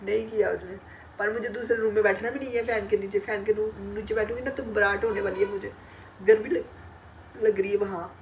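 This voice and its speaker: A woman's voice: medium pitch, fairly even intonation, a little fast, highs cut off, a little hiss or hum. Chatty woman with a stuffy head cold. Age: middle-aged. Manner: chatty, laughing often, retelling family talk. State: congested and sore-throated from a cold. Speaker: vlogger. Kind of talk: casual chat to camera.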